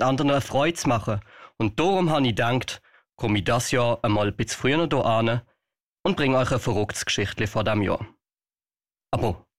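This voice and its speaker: A man's voice: mid-range voice, no room sound, clean studio sound, close to an everyday voice. A man playing a jolly, kindly old Santa Claus in a radio play, telling stories heartily with a Swiss German accent. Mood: jovial. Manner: hearty, unhurried, chuckling storyteller.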